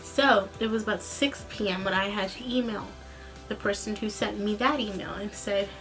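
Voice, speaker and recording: A young adult woman, a vlogger and student singer, rambles casually in a personal-vlog style at a moderate pace. Her mid-range voice has a fairly bright tone, while music plays clearly in the background of the poor-quality audio.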